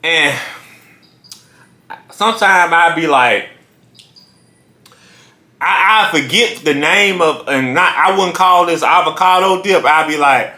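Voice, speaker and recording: A man hosting an eating show, chatting casually and telling animated stories while he chews his food. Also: fairly high pitch, slow pace, pauses often. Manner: talks while chewing food; animated storytelling. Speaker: mukbang host. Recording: roomy echo.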